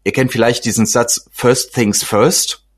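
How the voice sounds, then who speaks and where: Husky-voiced man explaining calmly. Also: mid-range voice, measured pace. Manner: thoughtful, explanatory, with frequent fillers. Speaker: guest coach. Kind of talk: casual podcast conversation.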